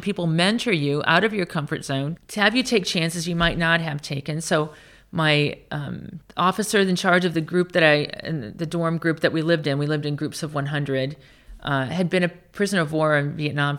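In a conversational interview, an Iowa woman in her late fifties who is a senior military officer shares frank stories. She speaks in restarting bursts, with a low and slightly bright voice.

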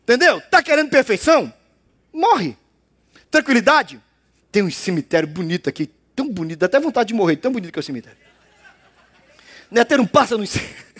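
Male pastor, sermon, playful and teasing, very high voice, lively swooping pitch. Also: quick pace, long pauses.

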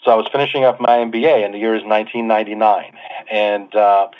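A man's voice: fairly low pitch, level tone, fast. A man in his forties, born in Lebanon, telling his life story as an interview guest in a chatty, self-deprecating way with many fillers. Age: 40s. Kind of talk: casual interview talk. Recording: tinny phone-like line.

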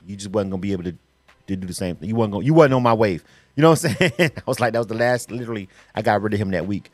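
This middle-aged radio host from Florida has a fairly low, slightly mellow voice and speaks rapid-fire on a dry recording. Conducting an interview, he rambles loosely in slang, dropping casual asides and saying "you know what I'm saying" again and again.

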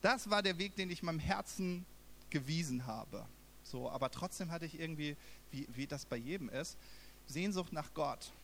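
A young man preaching a sermon, telling a personal story in an animated way and acting out what others said with big swings in loudness. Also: on the high side, normal speed, gravelly, a little hiss or hum. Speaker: pastor.

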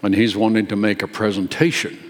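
A man's voice: lowish voice, little pitch movement, fairly quick, in a large hall. An older man preaching as a guest in church, telling a story in a folksy, confessional way with asides, his sinuses stuffed up. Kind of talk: sermon storytelling. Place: church sanctuary.

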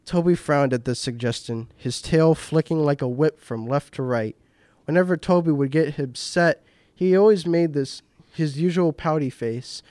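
A man reading a children's story aloud at a book launch in a gentle, measured way. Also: fairly high pitch, smooth, no echo.

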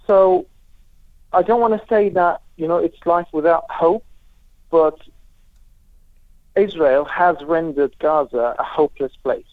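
A man from Lebanon who works in humanitarian aid, answering interview questions in a halting way with many restarts and repeated words. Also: fairly high pitch, dry recording. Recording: tinny phone line.

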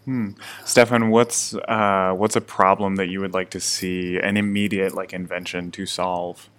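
A man with a fairly low voice leads a relaxed interview. He thinks aloud as he goes and answers each reply with soft hums. His questions come across as easygoing and conversational. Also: measured pace.

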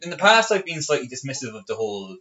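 A man's voice: mid-range voice, very animated, quick pace, sharp tone, dull audio. An Irish man with a midlands accent, chatting casually and comically as a podcast host in an irreverent, sweary manner. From Carlow, Ireland.

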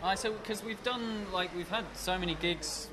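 A man's voice: high-pitched, moderate pace. Easygoing Scottish man with noise behind. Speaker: band member. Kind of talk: casual interview chat. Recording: noisy background.

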